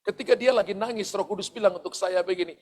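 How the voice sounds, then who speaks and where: A man's voice: high voice, fast, darkish tone. A male pastor giving a sermon, speaking straight to his congregation with asides and the odd chuckle. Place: church service.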